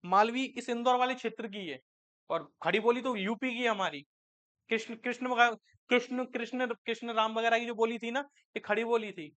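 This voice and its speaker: Male teacher, very high pitch, bright forceful tone, classroom lecture, quizzing students then answering himself. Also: steady tone, normal speed. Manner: asks students questions and answers them himself; mixes English terms into Hindi.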